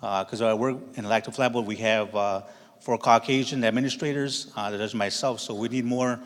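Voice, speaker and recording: A man from Wisconsin giving a halting convention speech as a candidate, pausing often on filler sounds. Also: medium pitch, steady tone. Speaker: board candidate speaker. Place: large convention hall. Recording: long hall reverb.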